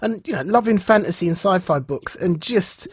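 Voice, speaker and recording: With a high, animated voice at a normal speed, this British-accented man from England swaps anecdotes as a podcast co-host, playing out reactions in a casual chat. A little hiss or hum sits under the recording.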